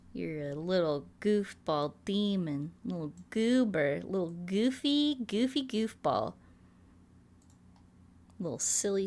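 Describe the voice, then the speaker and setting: A woman streamer chats casually with her livestream audience and sings requests from chat, playful and rambling, often repeating phrases in a singsong way. Her voice is fairly low with vocal fry and a darkish tone.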